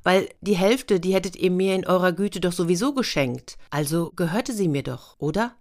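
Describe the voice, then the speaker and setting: A woman's voice: on the low side, normal speed, darkish tone, natural voice. A woman voicing a greedy, cheeky hungry boy in a children's story, eager and self-justifying, in a slightly raised voice.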